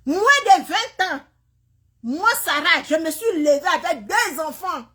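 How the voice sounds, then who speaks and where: Recording a phone video in Canada, a woman recounts her migration story in an impassioned appeal straight to camera. Preachy and repetitive, she lectures other mothers with scolding, pointed questions, speaking slowly in a very high, animated voice with a fairly bright tone.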